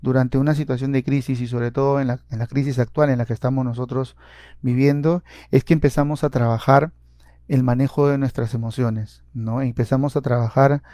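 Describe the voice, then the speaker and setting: A male clinical psychologist, speaking at a seminar, lays out his points step by step with many "eh" fillers and repetitions. He talks fairly quickly in a steady, mellow mid-range voice, captured as clean studio sound with no echo.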